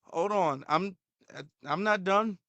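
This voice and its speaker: A man's voice: high voice, slow, pushed and bright, no echo. A man hosting a commentary channel, reacting to a clip in a heated, repetitive way, sometimes stumbling over his words.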